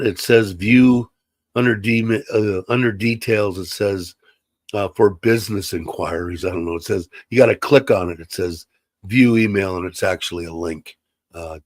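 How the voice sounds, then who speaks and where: Using his computer's mic, a man runs a casual livestream and chats loosely with many filler words. His voice is lowish and darkish, a touch congested, and the recording is dry.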